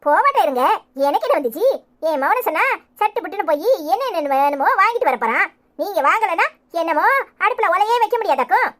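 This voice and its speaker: A woman voicing a brisk, bossy village housewife in a Tamil cartoon, chiding the family with a Tirunelveli accent. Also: extremely high pitch, expressive, a bit bright. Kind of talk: cartoon voice acting.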